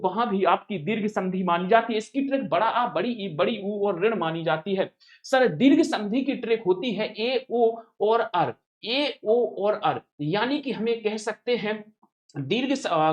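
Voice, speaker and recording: A man's voice: high-pitched, highs cut off. A man teaching an exam-prep grammar lesson, repeating each point and asking and answering his own questions while calling viewers brother. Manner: addresses viewers familiarly as brother.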